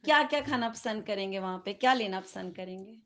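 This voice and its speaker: A woman's voice: medium pitch, a bit bright. A middle-aged woman with a Pakistani Urdu accent, lecturing a Quran class and putting questions to her students. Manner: questions the students and laughs with them.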